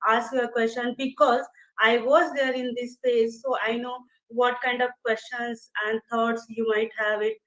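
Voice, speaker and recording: A woman teaches over a video call, her voice sitting a little high. She keeps inviting her listeners to speak up and checks that they can follow. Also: low-quality recording. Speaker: guest speaker, software trainer. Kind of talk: interactive online lecture.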